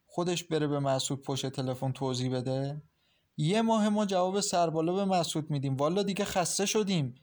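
A man voicing a stern middle-aged mother-in-law, sharp and reproachful, in an audiobook novel. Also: mid-range voice, steady tone, natural voice. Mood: indignant.

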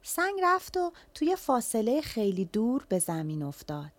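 A woman telling a fairy tale in a chatty, colloquial way, her voice rising and falling with the story. Her pitch sits fairly high, and the recording is dry and close. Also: big pitch swings, no echo. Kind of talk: folk tale narration.

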